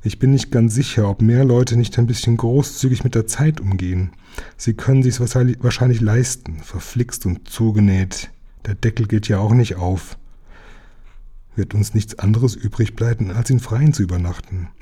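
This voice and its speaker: A man voicing a gruff, calm engine driver in a read-aloud children's story. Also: on the low side. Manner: grumbling, deliberate.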